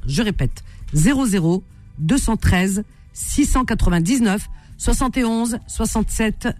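Lively chatty woman radio host. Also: medium pitch. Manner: warm, chatty, reads out listings slowly. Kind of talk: live call-in radio chat.

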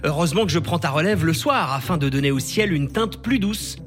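A woman voicing a gentle indigo colour in a children's story, softly and lower than her own voice. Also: lively intonation, fairly quick, faint music behind. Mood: calm.

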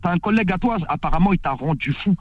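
Fast, high-voiced joking man caller. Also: animated, no room sound, highs cut off. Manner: jokey, teasing, repeats himself. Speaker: radio caller. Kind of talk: casual phone call chat.

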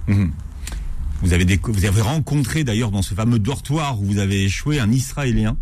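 Low-voiced male radio interviewer. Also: brisk, darkish tone, a little hiss or hum. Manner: conversational, leading questions. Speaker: host, interviewer. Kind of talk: radio book show interview.

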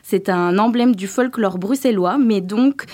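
A woman's voice: mid-range voice, unhurried, darkish tone. A woman presenter giving an informal, explanatory presentation. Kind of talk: informal radio-style presentation.

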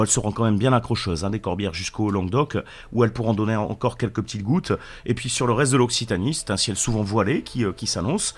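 A man delivers a radio weather forecast from the studio in a mid-range, unremarkable voice. He keeps it chatty and jokey, and stumbles over the odd word with small fillers. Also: mid-range voice. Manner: chatty, joking, slightly halting with fillers.

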